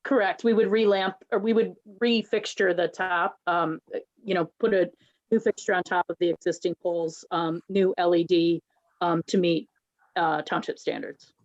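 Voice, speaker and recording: A woman applicant answering questions at a planning meeting, halting with frequent ums and restarts. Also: on the low side, steady tone, highs cut off. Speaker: applicant presenting a site plan. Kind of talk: public meeting testimony.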